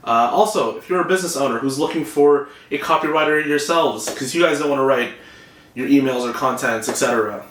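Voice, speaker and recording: A man's voice: medium pitch, brisk, fairly bright tone, slight background noise. A young man casually walking through a script on screen, rambling with lots of fillers and "right?", often apologizing and trailing off into a mutter. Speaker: copywriter teaching script writing. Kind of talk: casual screen-share tutorial.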